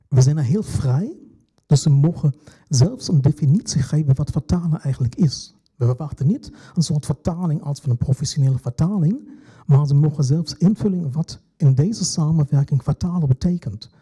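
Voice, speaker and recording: A man moderates a literary event and lays out a translation project, pausing often and filling gaps as he goes. His voice is husky and breathy, with a dark, mellow tone sitting a little high. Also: animated. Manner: hesitant, explanatory, with many fillers. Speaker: festival moderator.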